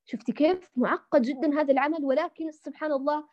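Woman, recitation teacher, patient, slightly high voice, lo-fi dull audio. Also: fairly even intonation. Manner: patient, demonstrating sounds slowly; addresses listeners fondly as dears. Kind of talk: recorded online lesson.

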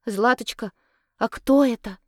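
A woman voicing an anxious young woman who pleads in a high voice near tears, read in a dry, close storybook style. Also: unhurried, dry recording, lightly acted. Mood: worried.

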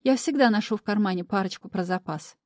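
A woman voicing a calm, kind young girl of the forest, speaking in a gentle, reassuring manner. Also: medium pitch, quick pace, no room sound, studio quality, natural voice.

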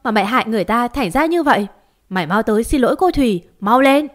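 A woman reading a storybook who voices a domineering older mistress of the house, scolding and yelling. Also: a little high, animated, a little fast. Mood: furious.

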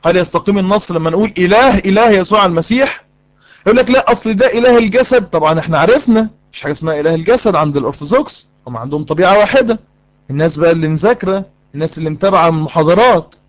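A man's voice: high-pitched, expressive, rapid-fire. A man with an Egyptian Arabic accent teaching a live online course, quizzing his students and repeating key lines for emphasis. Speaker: religious course instructor.

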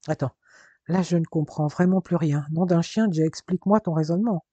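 A man's voice: a little high, a little fast, mellow, no room sound, lo-fi sound, lightly acted. A man reading an audiobook, voicing a fiery, stubborn young woman who gives firm, insistent refusals. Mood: exasperated.

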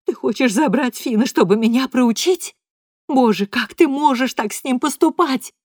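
A woman voicing a tearful, high-voiced mother. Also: normal speed, a little mellow, dry recording, studio quality. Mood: hurt.

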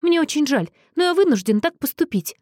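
A woman reading an audiobook, voicing a sharp, sorrowful young man who speaks intensely. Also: sits high, big pitch swings, fairly quick, no room sound, studio quality, voice pushed up. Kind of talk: audiobook character voice.

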